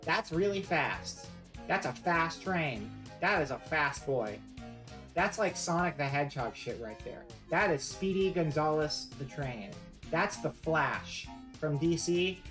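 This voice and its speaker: With a low voice, a woman streamer gives a casual live-stream presentation, rambling and joking in a playfully mock-serious way.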